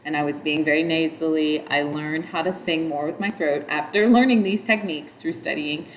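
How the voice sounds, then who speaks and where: Teaching a yoga class at a moderate, meandering pace full of asides, a middle-aged woman speaks in a nasal, somewhat low voice and chants mantras in a nasal sung tone between her explanations. The audio is poor, with a faint hiss underneath.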